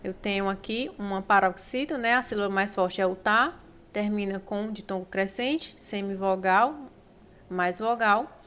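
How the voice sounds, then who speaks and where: A woman with a Brazilian accent teaches Portuguese grammar for exam preparation, explaining things step by step and checking in often with frequent "né?" and "ó." Her voice is mid-range and a bit bright, at a normal speed, with a clean tone.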